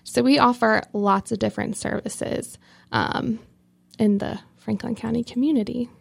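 A woman's voice: a little high, steady tone, normal speed, gravelly, slightly rough. A young woman from North Carolina, a health educator, answering interview questions in a friendly, explanatory way.

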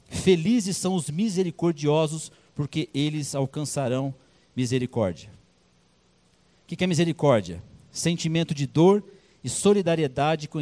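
A man's voice: fairly high pitch, a little mellow. A man preaching a sermon in a conversational way, explaining verses with everyday examples and casual slang.

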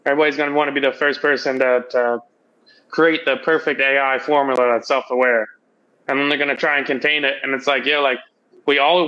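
A man's voice: mid-range voice, pushed and bright, highs cut off. A man co-hosting a podcast in casual, profane chat, laughing often. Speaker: podcast co-host.

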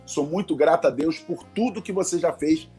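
A man's voice: on the high side, moderate pace, mellow, soft background music. A middle-aged man with a Carioca accent, a pastor and singer, chatting as a guest in a radio studio in an effusive, fervent way full of religious exclamations. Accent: Carioca Portuguese. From Rio de Janeiro, Brazil. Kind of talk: casual radio interview chat.

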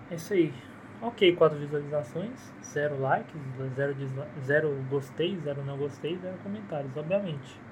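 A Brazilian man with a slightly high voice hosts a casual solo podcast, rambling in a cynical, profane, self-mocking way. He speaks with a Brazilian Portuguese accent and records on a phone held in one hand, with background noise present.

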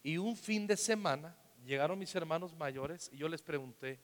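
A man with a Mexican Spanish accent preaches a sermon as pastor, with a fairly high voice. He tells a personal story and often sinks to a soft, hushed tone. His voice carries a long reverb, as in a large hall. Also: normal speed.

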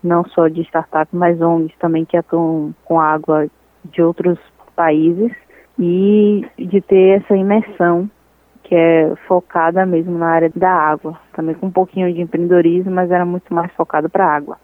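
A young woman, a scientist and entrepreneur answering interview questions in an earnest, measured way, often pausing to restart her phrases. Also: fairly low pitch, level tone, no room sound. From Salvador, Brazil. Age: 20s. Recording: thin, dry, phone-like line.

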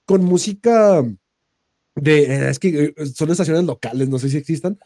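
A man's voice: fairly high pitch, moderate pace, mellow, no echo, clean studio sound. Slangy Mexican man ranting on a podcast. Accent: Mexican Spanish. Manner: crude, slang-heavy rant with mocking put-on quote voices. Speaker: podcast host. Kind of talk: casual podcast chat.

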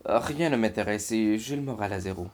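Man doing a soft, sighing sad robot. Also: fairly low pitch, a little fast, natural voice. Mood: glum. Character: gloomy, bored robot sitting on the ground.

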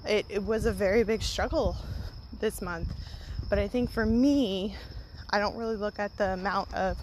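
A woman podcast host talking informally and off the cuff to her listeners while out walking at night with crickets chirping. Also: medium pitch. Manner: rambling, informal. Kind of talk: casual unscripted solo monologue to listeners. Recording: outdoor night ambience, crickets and wind. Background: chirping crickets, wind.

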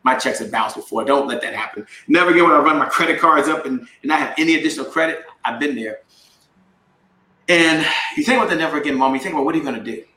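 A man's voice: on the high side, quick pace, bright, forceful tone. A middle-aged man giving a motivational sales talk to a live audience, emphatic and drawing call-and-response from the crowd. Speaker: sales coach and speaker. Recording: echoey room.

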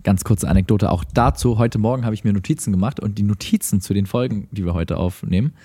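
A man co-hosting a podcast, adding short points and relaxed anecdotes in casual talk. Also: fairly low pitch, quick pace, slightly rough. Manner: brief interjections, relaxed anecdotes. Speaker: podcast co-host.

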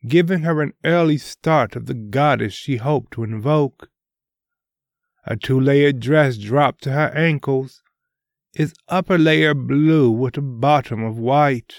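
A man narrates a dramatic serial tale as its host. His delivery is slow and deliberate, with a middling pitch. The sound is dry and close, with very little room in it. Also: no echo. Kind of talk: scripted dramatic story narration.

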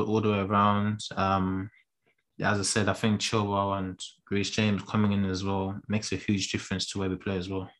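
Male football pundit, lowish pitch, London roadman accent, slangy and repetitive, casual chat.

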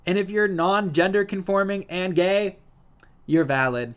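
A young male vlogger in his twenties talks casually and earnestly to his viewers, affirming things and leaning heavily on "like" as filler. His voice sits high, unhurried, smooth, and a bit bright.

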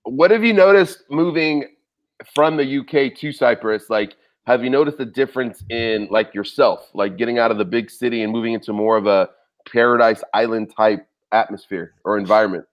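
A man hosts a podcast interview over a video call, his voice at a middle pitch. His audio sounds a little muffled and dull. He speaks in a friendly, enthusiastic way and says he loves what he hears. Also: moderate pace. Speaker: podcast host.

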